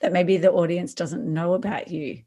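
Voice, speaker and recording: A woman with a croaky voice, hosting and interviewing on a wellness podcast. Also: lowish voice, steady tone, normal speed, mellow. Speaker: podcast host, wellness coach and yoga instructor.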